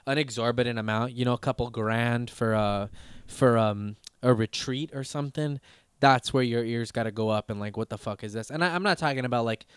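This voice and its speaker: Thirty-something guy rambling on his podcast, lots of ums and swearing, smooth clear voice, dry close mic. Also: mid-range voice, a little fast, no room sound. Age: 30s. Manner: rambling, swears casually, many fillers and restarts. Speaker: podcast host. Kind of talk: casual podcast chat.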